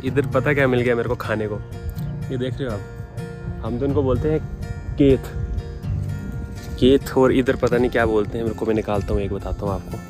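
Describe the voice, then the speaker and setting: A man's voice: mid-range voice, fairly even intonation, fairly quick, long pauses, music in the background. A man in his twenties talking casually to viewers while filming himself outdoors on a hillside. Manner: chatty, addresses viewers as bhai. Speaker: vlogger. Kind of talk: casual travel vlog. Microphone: phone camera at arm's length.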